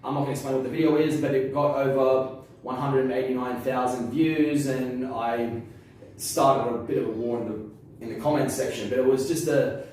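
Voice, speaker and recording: A man's voice: mid-range voice, fairly even intonation, moderate pace, a little mellow, a little hiss or hum. Echoey, distant young man. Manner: rambling, swears casually. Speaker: interview guest. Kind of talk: casual interview. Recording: very echoey room from far off.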